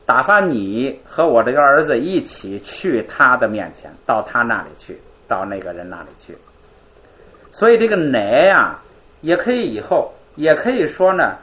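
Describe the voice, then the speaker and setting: A man's voice: medium pitch, bright, forceful tone, lo-fi sound. A male teacher explaining grammar in a live class, asking questions and answering them himself.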